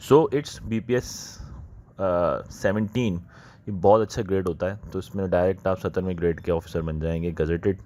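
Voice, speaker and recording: Low-voiced man explaining. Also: fairly even intonation, darkish tone, slight background noise. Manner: chatty, switches often into English phrases; unhurried, thinking aloud with many "uh" pauses. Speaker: channel host explaining job openings. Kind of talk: casual explanatory walkthrough.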